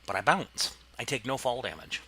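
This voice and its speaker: A man's voice: mid-range voice, animated, normal speed, sharp tone, slight background noise. A man casually commenting on his gameplay, rambling and explaining as he goes, with plenty of fillers. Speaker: let's play host.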